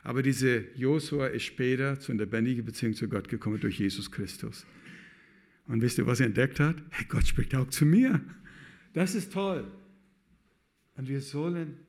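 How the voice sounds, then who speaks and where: A middle-aged pastor preaching a sermon, talking with loose, broken grammar and turning to the congregation with questions. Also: male voice, medium pitch, normal speed. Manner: lively, addresses the congregation with questions.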